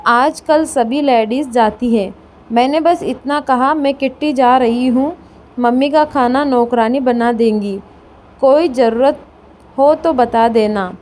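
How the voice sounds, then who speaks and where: A woman's voice: high-pitched, slow pace, darkish tone, a little hiss or hum. A woman voicing a spoiled, tearful young married daughter complaining in a storybook reading.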